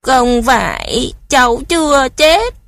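A woman's voice: mid-range voice, slow, a little mellow, no echo, lightly acted. A woman voicing a timid, mischievous little boy who pleads shyly. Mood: pleading. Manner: pleading, shy.

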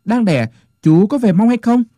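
Cuội, a young village prankster boy, as a male storyteller puts him on, yelling high and frantic with fake alarm. The voice is dark yet jumps way up in pitch, recorded dry and close. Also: expressive, normal speed, dry recording. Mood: urgent. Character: cheeky prankster boy Cuội, panicky shouting.

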